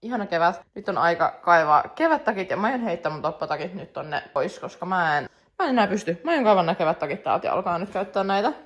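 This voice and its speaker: Speaking with lively intonation at a fairly low pitch, a young woman in her twenties chats to a phone camera indoors at home. The vlog is casual and upbeat, full of filler words.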